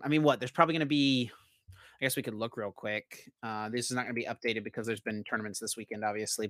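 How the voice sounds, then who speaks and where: A man co-hosting a casual podcast chat about card games, animated and quick to laugh, his voice jumping from loud to low. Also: dry recording, studio quality. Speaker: podcast co-host.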